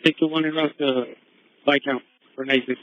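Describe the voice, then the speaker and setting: A man's voice: mid-range voice, fairly even intonation, moderate pace. A man police officer giving terse radio calls, heard over a police walkie-talkie. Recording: dull lo-fi radio transmission.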